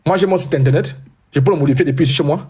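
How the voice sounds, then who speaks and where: Brief: husky, fairly high male voice, loud insistent live debater who repeats points. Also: very fast. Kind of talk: heated live religious debate.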